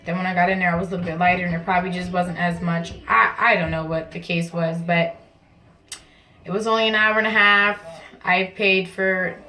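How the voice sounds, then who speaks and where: A woman's voice: on the low side, level tone, fairly quick, pushed and bright, faint music behind, low-quality recording. A woman vlogger talking casually and informally to camera, explaining things in a chatty way from her bathroom at home. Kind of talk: casual vlog talk to camera.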